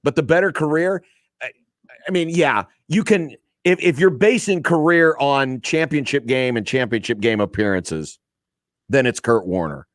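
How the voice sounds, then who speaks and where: A man's voice: mid-range voice, normal speed, no room sound, clean studio sound. A man hosting a casual sports podcast, trading joking, teasing banter with his guest. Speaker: podcast host.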